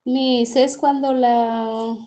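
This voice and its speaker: Student girl, mellow slow voice, kinda tentative answers. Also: on the high side, flat delivery. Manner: tentative, addresses the teacher politely. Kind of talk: answering in class.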